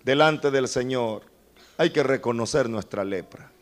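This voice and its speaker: A man preaching a sermon, impassioned, speaking directly to the congregation as brother and breaking into humorous asides. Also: a little slow. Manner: impassioned, with sudden leaps to high cries and humorous asides.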